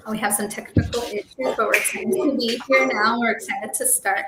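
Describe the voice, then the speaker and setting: Female host on a video call, higher pitch, friendly and a little hurried, recorded in a reverberant, noisy room. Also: steady tone. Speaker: webinar host. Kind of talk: webinar interview. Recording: echoey room with background noise.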